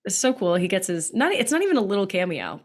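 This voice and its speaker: A woman co-hosting a podcast, chiming in with quick enthusiastic remarks and fun facts in casual chat. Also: mid-range voice, big pitch swings. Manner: quick enthusiastic interjections, sharing trivia. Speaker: podcast co-host. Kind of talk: casual chat recapping a cartoon episode.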